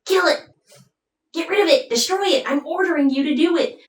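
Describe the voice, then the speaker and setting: A woman's voice: very high-pitched, fairly quick, pitched above the performer's own voice. A woman voicing a cruel, vindictive sorceress queen, barking clipped commands. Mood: commanding. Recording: roomy, mic at a distance.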